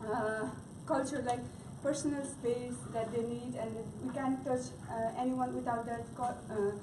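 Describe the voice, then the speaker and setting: At a measured pace, a young woman from Nepal presents to her class in a fairly high, steady voice, hesitating with fillers and restarts. Her first language is Gurung and her accent is Nepali. The clip is noisy and echoey, with the mic far from her.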